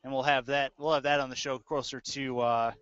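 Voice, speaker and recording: On a lo-fi but clean recording with no echo, a man delivers play-by-play of a live American football game. His medium-pitched voice is flat, a bit bright and slightly quick, describing each play in short clipped phrases.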